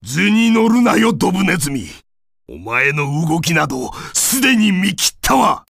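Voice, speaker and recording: An actor playing an arrogant, menacing djinn villain in a video game, sneering and imperious in a gravelly, theatrical voice. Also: male voice, high-pitched, sing-song, normal speed, fairly bright tone, no room sound, clean studio sound, full character voice. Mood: scornful. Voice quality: raspy, gravelly.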